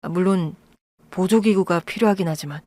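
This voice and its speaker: A woman voicing a calm, protective adult son who speaks low and steady, in an audio drama. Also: brisk, no room sound, natural voice. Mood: gentle. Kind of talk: Korean audio-drama acting.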